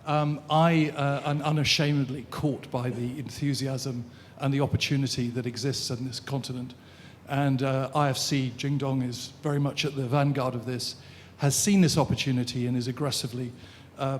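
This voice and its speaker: A man's voice: medium pitch, fairly even intonation, normal speed, slight background noise. A man making a formal, filler-laden comment from the floor of a conference. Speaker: audience member commenting. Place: conference hall.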